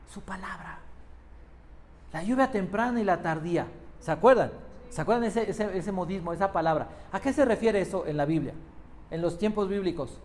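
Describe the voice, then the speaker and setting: Predicador enfático que repite frases. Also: male voice, high voice, a little mellow, a little hiss or hum. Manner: emphatic, repeats phrases, quizzes the congregation. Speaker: preacher. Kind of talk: sermon.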